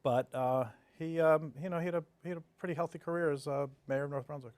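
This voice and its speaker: A development executive in his fifties from New Jersey, United States, tells stories as an interview guest in a casual, matter-of-fact, conversational way. His fairly high voice has a steady tone, a fast pace, and a darkish quality, with no echo.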